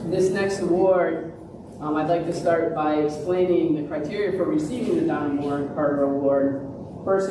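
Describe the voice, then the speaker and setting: Woman, coach, earnest award speech, very echoey hall, distant noisy recording. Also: low-pitched. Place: large echoey room at a live ceremony.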